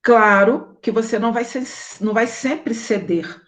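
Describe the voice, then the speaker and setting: A woman host with a Brazilian Portuguese accent, talking casually to her audience and telling stories with animated, acted-out dialogue. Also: a little high, a little slow. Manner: animated storytelling, acting out quoted dialogue; married woman recounting daily life.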